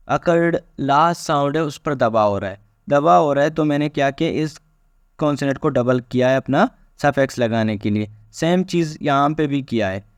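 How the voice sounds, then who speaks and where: Man teaching English spelling, smooth dry voice. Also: a little high, no room sound. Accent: Pakistani. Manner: reads English rules slowly, then explains them casually with repetitions. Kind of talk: spelling lesson explained step by step.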